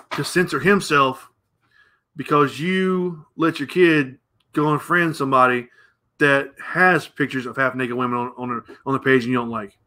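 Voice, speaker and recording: Profane, bright-voiced ranting man. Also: fairly high pitch. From United States. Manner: profane, blunt, rambling. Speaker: podcast host. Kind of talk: opinionated rant.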